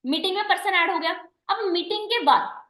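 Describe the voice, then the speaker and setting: A woman's voice: extremely high pitch, fairly quick, a bit bright, reverberant. A woman manager giving a recorded training meeting, coaching her team and checking in often with "right?" and "okay". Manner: coaching, repeats "ठीक है" and "है ना" often; addresses listeners as dear and guys. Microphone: online meeting recording.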